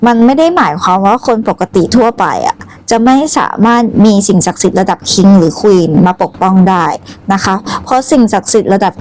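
A woman giving a spiritual tarot reading, talking in a soft, conversational way with many polite particles. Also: mid-range voice, low-quality recording. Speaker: tarot reader.

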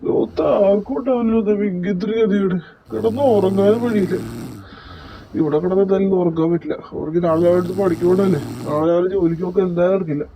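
A man's voice: high-pitched, steady tone, fast. A man playing an exasperated sleepless husband. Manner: complaining, exasperated. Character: weary husband kept awake by snoring. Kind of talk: comedy sketch acting. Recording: loud background noise.

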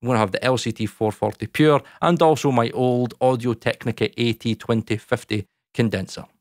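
A Scottish man in his thirties, a YouTube audio educator, chats casually to camera about recording from his small home studio, speaking close into a large dynamic mic in front of him. His voice is dark and boomy, steady in tone and fairly quick, with no room sound. He's chatty, uses lots of fillers and talks with his hands.

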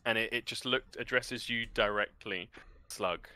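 Male game master, crisp and close-miked, unhurried improvised descriptive narration with searching pauses. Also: lowish voice, sharp tone, no room sound. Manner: descriptive, halting as he searches for words.

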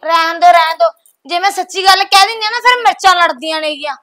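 A woman's voice: very high-pitched, quick pace, a bit bright. A woman with a Punjabi accent playing a resentful young wife who bickers sarcastically. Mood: sarcastic. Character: resentful young wife jealous of her sister-in-law. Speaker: wife and daughter-in-law.

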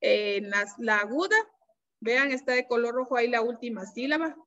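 A woman teacher giving an online class, explaining slowly and patiently and checking often that her students follow. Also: fairly high pitch, bright, forceful tone. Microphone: computer mic on a video call. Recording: dull, lo-fi video-call audio.

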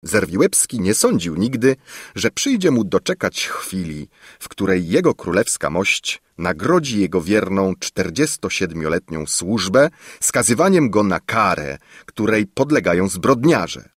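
A man's voice: low voice, unhurried, husky, no echo, studio quality. A man narrating a classic children's fairy tale as an audiobook, telling it expressively. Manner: expressive storytelling. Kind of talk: scripted narration.

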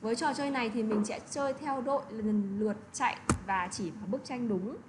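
A woman's voice: on the high side, brisk, background noise. A woman teaching an English lesson to children, who keeps checking in with little tag questions. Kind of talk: online lesson explanation.

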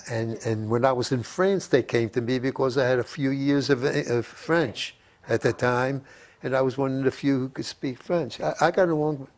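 Sitting in his living room with a lapel mic, a WWII veteran in his eighties tells rambling stories for an interview, repeating phrases and quoting old conversations. His voice is mid-range and darkish, steady in tone, at a normal speed.

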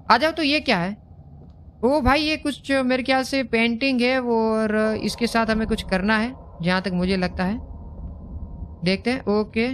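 A man's voice: high-pitched, fairly bright tone, slight background noise. A young man giving nervous horror game commentary, jumpy and repeating words when scared. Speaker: gaming host.

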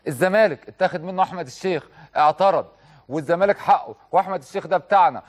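Fast, fiery Egyptian talk show host. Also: male voice, sits high. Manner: impassioned, rhetorical questions, direct appeals. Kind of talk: studio editorial monologue.

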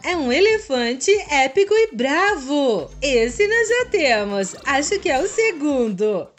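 High sing-song Brazilian woman, squeaky and welcoming. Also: big pitch swings, slow. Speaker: host of a children's gaming channel. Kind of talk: cheerful kids' gameplay narration. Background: background music.

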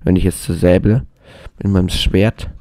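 A man's voice: sits low, fairly even intonation, moderate pace, warm tone, slight background noise. A man giving casual gameplay commentary, hyper and jokey, rambling to himself. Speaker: let's play gamer.

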